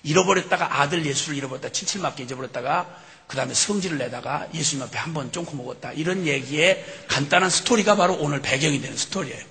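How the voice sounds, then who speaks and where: A man preaching a sermon as a missionary, telling the story in an animated way and acting out scenes with chuckles. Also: fairly high pitch, fast talker. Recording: long hall reverb.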